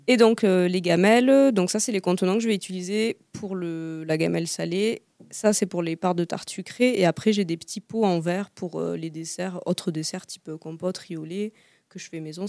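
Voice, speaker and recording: A woman's voice: lowish voice, dark tone, no room sound, clean studio sound. A woman founding a small zero-waste food business, answering interview questions in a casual, hesitant way with many fillers and restarts. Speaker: guest, founder of a zero-waste tart shop.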